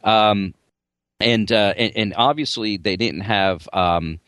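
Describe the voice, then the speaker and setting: A man with a New Jersey accent talks through a journal issue in casual podcast chat. His voice sits low, and he stumbles along with frequent fillers and restarts. The sound is very dry and close. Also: fairly bright tone, dry recording. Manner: halting, many fillers and restarts.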